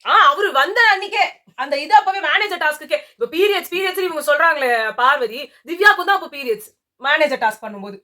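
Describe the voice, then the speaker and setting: Fast, bright-voiced woman reviewer. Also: high voice. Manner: animated, mocking, talks over her co-host. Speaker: reality show reviewer. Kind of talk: casual chat reviewing a show promo.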